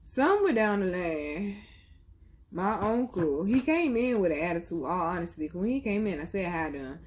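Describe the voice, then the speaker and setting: Blunt, profane woman with a low voice. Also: normal speed. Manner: blunt, profane, animated storytelling. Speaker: vlogger. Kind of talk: casual storytelling vlog.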